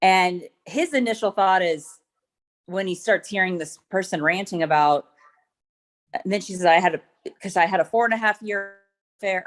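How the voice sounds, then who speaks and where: A middle-aged woman giving courtroom testimony, hesitant and full of ums as she retells events step by step. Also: on the low side. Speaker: witness.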